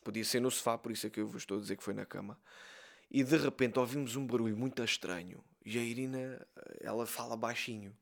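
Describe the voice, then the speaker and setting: A man's voice: mid-range voice, fast, vocal fry. A man with a European Portuguese accent hosting a solo podcast, telling crude jokey stories straight to his listeners. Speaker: podcast host. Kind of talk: casual solo podcast rant.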